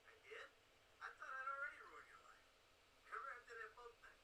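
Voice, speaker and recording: Casting: a teasing, offhand video game character, heard far off with clear background noise. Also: female voice, a little high, expressive, brisk, sharp tone. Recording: distant, roomy game audio with noise.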